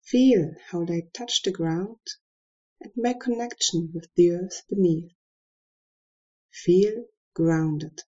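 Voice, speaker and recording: A woman leading a guided meditation, giving soft, calm instructions with long pauses. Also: fairly low pitch, highs cut off.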